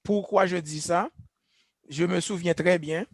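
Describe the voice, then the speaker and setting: Man, church leader, earnest testimony, high voice, dry sound. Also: fairly even intonation, unhurried, no echo. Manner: earnest, reflective, personal testimony. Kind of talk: speaking on leadership. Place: church gathering.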